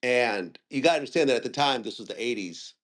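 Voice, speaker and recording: A man in his forties, born in Ukraine and raised in Northern California, chats casually as a guest interviewer and media host in an audio chat room. His medium-pitched, slightly bright voice is fast with lively intonation, and he rambles with frequent restarts and fillers.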